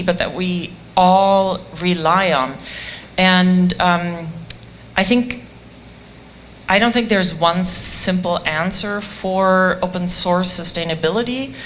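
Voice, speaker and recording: A woman's voice: medium pitch, fairly bright tone, a little hiss or hum. A woman speaking enthusiastically on a conference panel about a community-driven voice project, with a self-deprecating humor.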